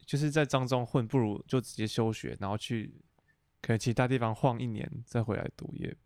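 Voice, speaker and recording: A young man from Taiwan hosting a casual podcast chat, teasing his guest with quick probing questions. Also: medium pitch, steady tone, darkish tone, no echo, studio quality. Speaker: podcast host.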